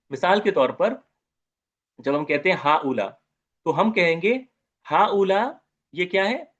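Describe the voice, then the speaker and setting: Guy teaching arabic grammar, fairly high voice, keeps repeating terms and checking "right?", kinda dull lo-fi sound. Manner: repetitive, drilling Arabic terms with questions to students. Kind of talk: online grammar lecture.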